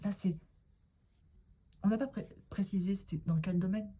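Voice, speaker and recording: A woman's voice: mid-range voice, moderate pace, dark tone, breathy edge. A woman doing a casual tarot card reading, talking straight to the viewer in an encouraging, rambling way. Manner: rambling, with many fillers and asides.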